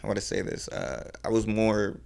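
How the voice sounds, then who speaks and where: A man's voice: lowish voice, expressive, moderate pace, vocal fry, a little mellow, smooth. A young man from California talking casually as a podcast guest, rambling and laid-back with lots of swearing and fillers. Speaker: podcast guest, battle rapper.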